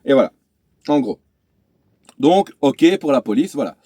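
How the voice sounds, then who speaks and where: A man's voice: medium pitch, expressive, unhurried, dark tone, no echo. A man vlogging from his truck cab, chatting through a road story with many fillers and restarts. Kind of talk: casual vlog storytelling.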